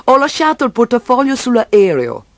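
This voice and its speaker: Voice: mid-range voice, wildly swooping pitch, moderate pace, very noisy, pitched above the performer's own voice. Breezy, friendly storybook aviator, read by one storyteller. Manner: breezy, chummy. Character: cheerful stranded male aviator.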